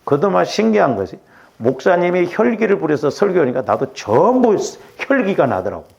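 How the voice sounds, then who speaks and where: A man's voice: on the high side, creaky, darkish tone, muffled recording. A middle-aged male pastor giving a conversational sermon, often checking in with the congregation. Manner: conversational preaching with rhetorical checks.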